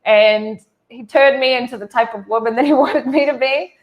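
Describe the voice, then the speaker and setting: She has a voice on the high side and speaks at a moderate pace, though the recording's highs are cut off. A chatty New Zealander in her thirties, she's telling her life story over a video call as an interview guest, laughing easily amid "like" fillers and restarts.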